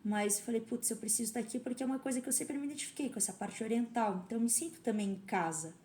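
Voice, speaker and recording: A woman's voice: a little high, very fast, warm tone, a little hiss or hum. Woman guest, reflective, roomy sound. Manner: reflective, storytelling with quoted self-talk. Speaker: podcast guest, karate teacher. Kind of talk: casual interview conversation. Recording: roomy echo.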